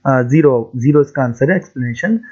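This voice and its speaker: A man's voice: medium pitch, a little fast, darkish tone, muffled recording. A male teacher with a sore throat, going through quiz slides, explaining step by step and repeating the key answers.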